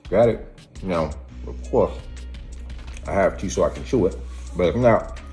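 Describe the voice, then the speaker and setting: A man's voice: low voice, lively intonation, unhurried, music in the background. An American man hosting a casual how-to vlog, chatting in a folksy, colloquial way. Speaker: video host.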